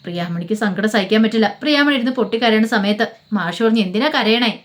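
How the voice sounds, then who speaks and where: A woman telling a story in a casual, run-on way, reading the characters' quoted lines flatly as reported speech. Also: medium pitch, rapid-fire. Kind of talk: rapid casual retelling of a serial's plot.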